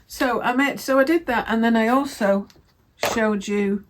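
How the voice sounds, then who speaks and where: A woman's voice: a little high, a little slow, background noise. Chatty woman rambling about sewing. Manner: chatty, rambling, self-correcting. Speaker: sewing vlogger. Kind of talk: casual crafting chat.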